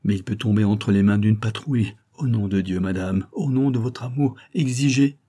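An earnest young cavalry captain speaks low and urgently, confiding a grave warning, as a man reading the tale plays him. His voice is deep and husky. It is a storybook reading. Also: moderate pace, mellow, natural voice.

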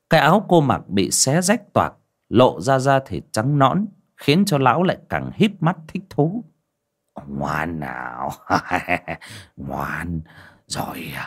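A man narrating a horror story in a dramatic, vivid storytelling manner. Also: medium pitch. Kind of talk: scripted storytelling.

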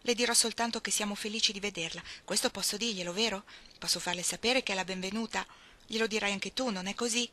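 An anxious, doting older mother frets over her loved ones, as a woman reading an audiobook puts her on. The voice is bright and eager. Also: mid-range voice, fast talker, slight background noise, natural voice. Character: nervous loving older mother.

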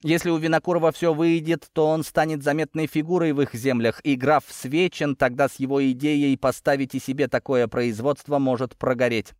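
A man narrating an audiobook in an expressive storytelling read. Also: fairly high pitch, a little fast, hardly any pauses, no room sound, studio quality. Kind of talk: scripted narration.

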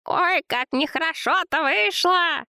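Woman reader doing a fussy, cooing young woman, very high and chirpy, smothering with flattery. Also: measured pace, dry recording, studio quality, heavily acted. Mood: coaxing. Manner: babbling, coaxing, fussing.

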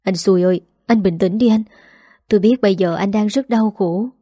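Woman doing an older man gently soothing a friend, warm dark tone, dry. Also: mid-range voice, moderate pace, slightly rough, no room sound, close to an everyday voice. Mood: consoling. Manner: soothing, pleading.

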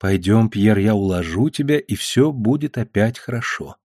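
A man's voice: fairly low pitch, animated, moderate pace, mellow, dry recording, clean studio sound. A man reading a fretful, doting mother. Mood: soothing. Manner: fretful, then cooing and soothing. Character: anxious tender mother of two sons.

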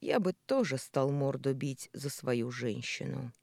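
A woman's voice: rumbling low, animated, a little slow, gravelly, a little mellow, no room sound, clean studio sound, full character voice. Idle mocking male neighbour, languid drawl, read by a woman. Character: lazy, mocking man, a teasing neighbour. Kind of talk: audiobook character voice.

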